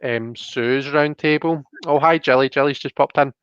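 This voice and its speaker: Hosting a live tarot reading stream, a man with a voice on the high side chats at a moderate pace, tentative and apologetic. A little hiss or hum sits under the muffled, roomy home live-stream audio.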